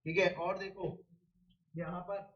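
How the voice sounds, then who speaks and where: A man gives a casual biology lecture, firing questions at his class and answering them himself with everyday examples. His voice sits high and carries around a roomy, echoing space. The recording is distant from him and dull in tone. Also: level tone, slow pace. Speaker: biology teacher.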